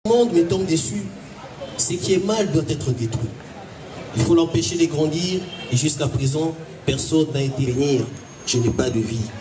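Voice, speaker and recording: A man giving a solemn, dramatic public reading of his own fiction at a festival event. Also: fairly high pitch. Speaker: author reading his story. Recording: distant mic in noisy venue.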